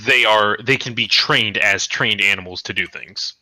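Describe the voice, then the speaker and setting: A man's voice: fairly low pitch, normal speed, pushed and bright. Swearing casual man running the game. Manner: casual, swearing, rambling narration with fillers. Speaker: game master. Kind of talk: running a tabletop game over a live stream.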